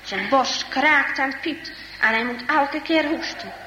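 A woman reading a children's story aloud with expressive, dramatic storytelling, in an echoey hall with faint noise. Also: sits high, slow.

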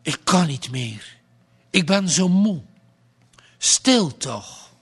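A strong, worn-out skipper calls out in raised, straining bursts, as a man reading a storybook puts him on. The voice sits fairly high for a man. He speaks slowly and heavily between the cries. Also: sing-song, vocal fry, slightly rough, exaggerated voice. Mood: weary. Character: strong, exhausted male boat skipper.

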